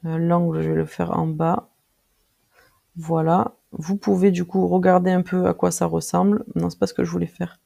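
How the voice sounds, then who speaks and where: Tutorial presenter, casual screen-recording, very creaky and mellow, hesitant with lots of fillers. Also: medium pitch, flat delivery. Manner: hesitant, frequent filler pauses while clicking through; friendly, addresses viewers directly.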